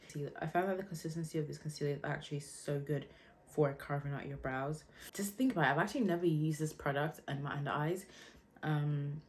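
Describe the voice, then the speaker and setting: Low-voiced woman explaining makeup. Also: slight background noise. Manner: chatty, relaxed, with frequent fillers. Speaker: beauty vlogger. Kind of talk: casual makeup tutorial.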